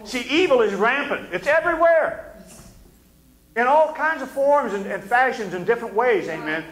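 Fervent high-voiced pastor preaching. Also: male voice, animated, moderate pace, fairly bright tone. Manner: fervent preaching, drops to low intense tones, frequent amens. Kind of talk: sermon. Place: church stage at a pulpit. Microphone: pulpit mic. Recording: echoey sanctuary.

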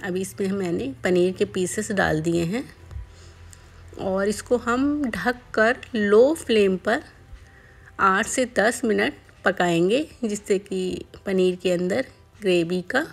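A woman calmly narrating a home cooking tutorial step by step as a voice-over. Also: medium pitch, slow pace, creaky, slightly rough. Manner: calm step-by-step explaining. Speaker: cooking channel host.

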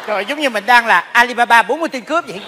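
A sly meddler, fast high voice, echoey stage. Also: male voice, lively intonation, background noise. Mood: wheedling. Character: scheming male meddler eyeing the inheritance. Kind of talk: live stage comedy sketch. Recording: stage hall with reverb.

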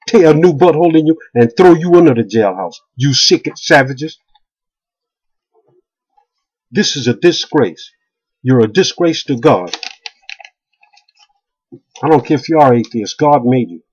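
In a cramped room, a middle-aged vlogger delivers an angry rant to a nearby webcam, tripping into stammered restarts again and again. He talks a little slowly with frequent pauses, his medium-pitched voice expressive, husky and a bit mellow. Audio quality is dull and lo-fi.

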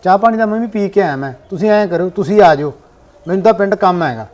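A man playing a calm village husband with an Indian Punjabi accent, lecturing his wife in a family drama. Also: high voice, fast, no room sound. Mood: steady. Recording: background music under the speech. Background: music.

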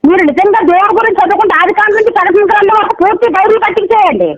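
Female caller, argumentative, rapid delivery, very high voice. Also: dull audio. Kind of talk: heated phone-in debate.

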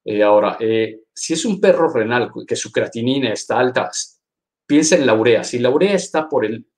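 Man, veterinarian, live-stream Q&A, casual, direct, repeats himself, average pitch. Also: animated, moderate pace, darkish tone. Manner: casual and direct, repeats words, frequent "eh" and "te digo". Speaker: veterinarian answering viewer questions. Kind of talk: live-stream Q&A, reading and answering comments.

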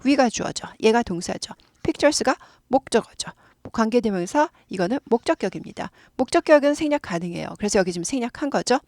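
A woman's voice: a little high, expressive, fairly quick, hardly any pauses, a little mellow, dry recording. Woman English teacher, patient, repetitive drilling, dry close sound. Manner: patient, repeats words many times for practice. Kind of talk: explaining grammar and leading repeat-after-me drills.

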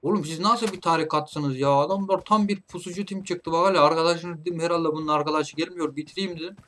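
A man commentating his own mobile shooter gameplay, playfully taunting opponents and calling them nephew, with bursts of loud shouting. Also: a little high, fairly even intonation, fast talker, background noise. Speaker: gameplay streamer. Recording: game gunfire loud behind voice. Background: gunshots and clicks from the game.

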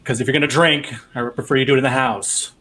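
A man's voice: medium pitch, steady tone, quick pace, sharp tone. A man playing an overeager middle-aged mother who tries too hard to be hip, in a comedic script reading. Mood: eager.

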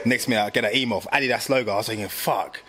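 Fast-talking man. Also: medium pitch, a little hiss or hum. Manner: slangy, animated, lots of fillers. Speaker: graphic designer guest. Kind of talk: casual storytelling chat.

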